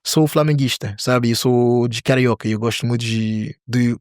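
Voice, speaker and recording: The speaker is a young American guy on a podcast, chatting casually in an interview with plenty of "like" and "you know" and the odd dip into other languages. His voice has a medium pitch and moderate pace, and the dry mic picks up no echo.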